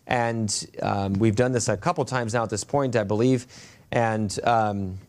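A man pastor speaking at a pulpit microphone in a church, reading scripture and praying in an earnest, measured way, with halting fillers in his prayer. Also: lowish voice, steady tone, darkish tone. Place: church sanctuary, indoors.

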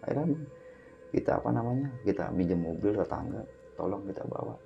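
A guest speaks quickly and expressively in a fairly low voice with vocal fry, casually relating a dramatic personal story in vivid terms and repeatedly calling the host "Bang." The recording is dull and lo-fi with faint music in the background.

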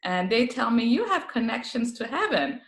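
Slightly high and full of big pitch swings, a woman talks at normal speed amid crowd noise in an echoey room. A native Farsi speaker from Iran with a Persian accent, she's a palliative care guest in a casual interview, laughing as she tells stories.

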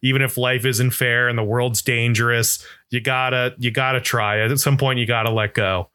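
A man with a bright, forward tone talks casually as a podcast co-host. He is enthusiastic and rambles a little, restarting his thoughts as he goes. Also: medium pitch, flat delivery, normal speed, clean tone. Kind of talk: casual chat.

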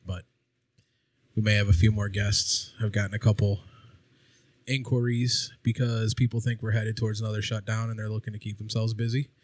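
A man's voice: lowish voice, little pitch movement, brisk. A man co-hosting a podcast, chatting casually over drinks and swearing freely. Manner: laid-back, swears freely. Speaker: podcast co-host.

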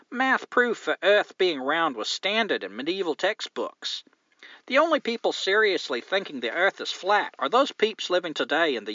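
A man's voice: high-pitched, pushed and bright, no room sound, lo-fi sound, pitched above the performer's own voice, exaggerated voice. A man voicing a woman listener from New Zealand in a put-on mock Australian accent, reading her letter aloud.

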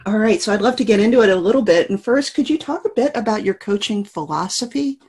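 A woman's voice: medium pitch, lively intonation, quick pace, a little mellow, husky. A woman hosting a podcast, reading a scripted introduction and asking friendly interview questions. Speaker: podcast host.

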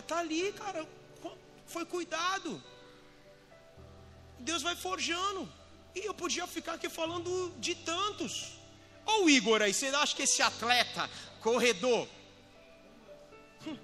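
A man preaching as a pastor in a casual storytelling sermon, animated and slangy, mimicking members of his church in quoted asides. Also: sits high.

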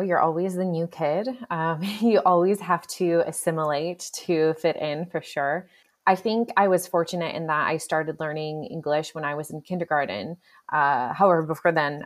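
A woman's voice: low-pitched, normal speed. A young woman in her twenties from the Czech Republic, a pharmacy resident answering interview questions in an earnest, talkative way with lots of "you know" and "um.". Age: 20s.

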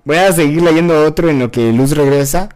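A man's voice: fairly high pitch, fairly quick, a little mellow. A young Mexican man hosting a casual, crude live podcast close to the mic, joking and laughing often. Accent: Mexican Spanish. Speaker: podcast host. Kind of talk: casual live-stream chat.

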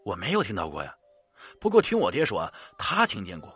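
A man's voice: lowish voice, wildly swooping pitch, fairly quick, fairly bright tone, husky, soft background music, full character voice. A man voicing a timid young ferryman who talks eagerly and pleads anxiously.

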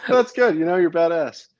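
A man's voice: sits high, no room sound. A man from Brooklyn hosting a podcast in casual chat, rambling with plenty of fillers and restarts. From Brooklyn, New York. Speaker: podcast host. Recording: dull lo-fi dry sound.

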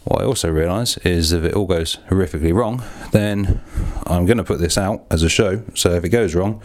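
A man's voice: sits low, fairly quick. A man hosting a podcast, rambling in a chatty, self-deprecating way with casual swearing as he talks through hands-on work in a small echoey darkroom. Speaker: podcast host.

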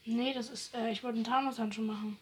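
A woman's voice: on the high side, fairly even intonation, fast talker, a little hiss or hum. A young woman co-hosting a casual podcast, teasing her friend with crude slang-heavy banter. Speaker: podcast co-host. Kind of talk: casual joking podcast chat.

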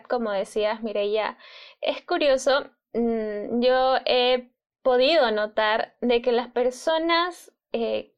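A young woman giving an emotional faith testimony, halting, with many fillers and restarts. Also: sits high, smooth, highs cut off. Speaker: guest sharing testimony.

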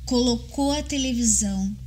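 High-voiced Brazilian woman co-hosting a podcast. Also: normal speed, warm tone, slight background noise. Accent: Brazilian Portuguese. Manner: explanatory, draws comparisons. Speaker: podcast co-host. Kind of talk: faith podcast conversation.

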